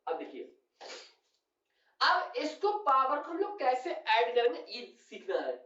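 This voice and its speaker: A man's voice: extremely high pitch, wildly swooping pitch, a little slow, sharp tone. A male chemistry teacher giving a classroom lecture, calling his students "beta" and checking often that they follow. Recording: roomy, distant, dull lo-fi sound.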